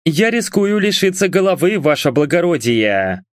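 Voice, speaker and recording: A man's voice: fairly high pitch, sing-song, moderate pace, no echo, clean studio sound, pitched above the performer's own voice. A frightened, cringing servant, played by a man who pleads in a raised, anxious voice. He mumbles his apologies to his master. This is an audiobook reading. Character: frightened pleading male servant, kneeling attorney.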